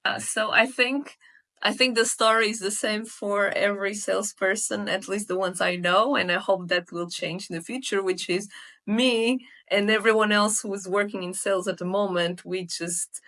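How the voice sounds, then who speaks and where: A young woman from Portugal, a sales hiring expert, telling her story in a lively, conversational interview with many fillers. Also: mid-range voice, normal speed. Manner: lively storytelling with frequent fillers and self-corrections.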